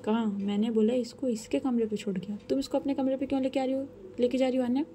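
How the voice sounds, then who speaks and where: A woman's voice: a little high, level tone, fast, dark tone, slight background noise, close to an everyday voice. A woman voicing a strict middle-aged mother who scolds her daughter firmly. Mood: stern. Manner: scolding, firm and commanding.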